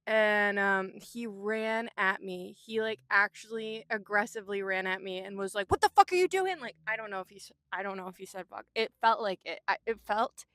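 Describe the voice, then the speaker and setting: A woman's voice: medium pitch, flat delivery, normal speed, hardly any pauses, sharp tone, dry recording. Candid woman chatting in a car, dry sound. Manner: rambling, candid, swears casually. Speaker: vlogger and artist. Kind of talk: casual chatty vlog. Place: inside a parked car.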